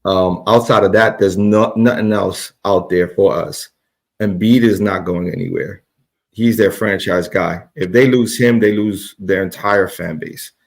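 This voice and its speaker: A man's voice: sits low, steady tone, measured pace, creaky. A man with a Brooklyn accent, in a casual sports debate.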